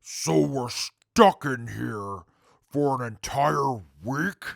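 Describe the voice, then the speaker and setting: Very slow, heavily creaky male voice, actor as pompous, mocking, haughty prisoner, radio drama. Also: mid-range voice, no echo, clean studio sound. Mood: exasperated. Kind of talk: audio drama acting.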